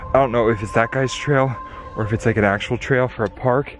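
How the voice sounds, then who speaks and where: Hurrying through the outdoor woods, a young adult vlogger holds his camera at arm's length and narrates in an excited rush, gasping and exclaiming. His medium-pitched voice holds a steady tone and moves a little fast, over background music.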